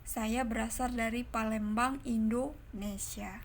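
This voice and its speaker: A woman with a slightly high voice and fairly even intonation teaches a language lesson online, repeating each example sentence slowly and explaining it step by step. She keeps addressing her viewers as friends. There's slight background noise.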